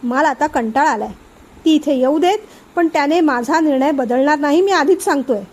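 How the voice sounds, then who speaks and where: A sulky young husband, fed up and melodramatic, read out by a woman narrator. The voice sits high and light for a man. It is told in a storybook reading. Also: moderate pace, a little mellow, natural voice. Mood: aggrieved. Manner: melodramatic, rhyming complaints.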